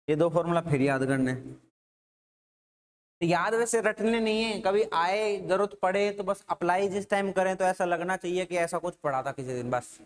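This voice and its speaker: A male maths teacher with a Rajasthani Hindi accent gives a classroom lecture, asking the class questions and then answering them himself. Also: high-pitched.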